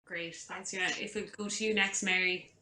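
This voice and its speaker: A woman's voice: on the low side, little pitch movement, normal speed, pushed and bright, a little hiss or hum. A woman moderating an online panel, reading formal introductions from a script over a video call. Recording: roomy echo.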